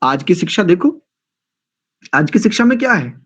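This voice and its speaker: A man's voice: high-pitched, sing-song, normal speed, fairly bright tone, breathy edge. A man teaching a scripture class, lecturing in a rhetorical, questioning way. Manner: rhetorical, questioning, acts out quoted excuses. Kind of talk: Hindi religious lecture.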